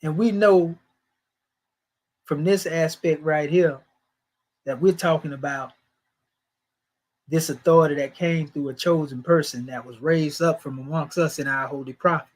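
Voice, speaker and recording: A man's voice: fairly high pitch, steady tone, a little slow, pauses often. A man with a Southern US accent teaching scripture in a sermon style, asking rhetorical questions and pressing his points with rising and falling emphasis. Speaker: religious teacher.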